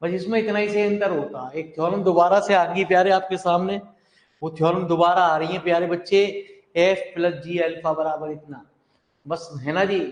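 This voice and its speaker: A male math teacher giving a classroom lecture, speaking slowly and repeating himself while dictating notes to his students. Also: high voice. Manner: slow and repetitive, dictating notes, affectionate address to students. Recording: echoey hall.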